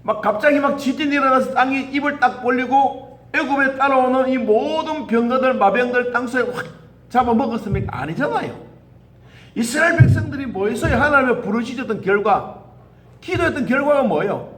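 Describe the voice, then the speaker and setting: A male pastor preaching a lively sermon, acting out quoted voices and leading the congregation in call-and-response. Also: extremely high pitch, a little fast. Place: church sanctuary. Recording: echoey church hall.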